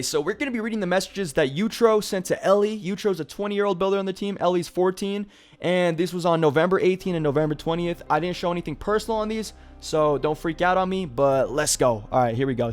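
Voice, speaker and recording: A man with a slightly high voice hosts a casual gaming commentary. He talks loosely, leaning on fillers like "you know" and "like". Faint music plays softly behind him. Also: brisk. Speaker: gaming YouTuber.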